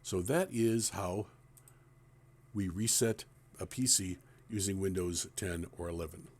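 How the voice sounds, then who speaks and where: A man's voice: deep voice, a little slow, a little mellow. A man walking through a computer task step by step in a plain, explanatory screen-recording tutorial. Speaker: tech tutorial presenter.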